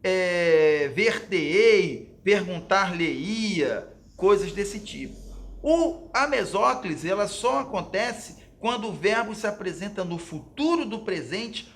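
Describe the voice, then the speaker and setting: A man's voice: sits high, big pitch swings, measured pace. A Brazilian man teaching Portuguese, walking through exam questions and patiently explaining them to his students, often checking in with "ok?" and "né?". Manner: fillers like "ok?", "né?" and "ó". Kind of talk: exam question walkthrough lesson.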